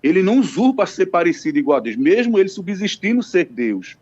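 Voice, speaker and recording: A man's voice: sits high, sing-song, a little fast, darkish tone. A man calling in to a radio show over the phone, earnestly debating Bible verses with hesitant restarts. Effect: heard over a phone line. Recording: dull lo-fi phone call.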